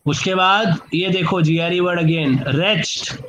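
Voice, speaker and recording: A man's voice: a little high, slow, a little hiss or hum. A man teaching vocabulary in an online class, playful, quizzing students and repeating words. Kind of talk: online class, mixing Hindi and English. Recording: dull lo-fi online class audio.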